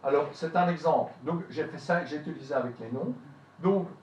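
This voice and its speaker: Brief: male voice coach leading a class, high animated delivery, roomy theater sound from afar. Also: fairly quick, slight background noise. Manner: demonstrates sounds with sweeping pitch leaps, mixes in English. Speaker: voice workshop teacher. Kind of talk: leading a voice workshop. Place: theater hall. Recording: echoey hall, voice from far off.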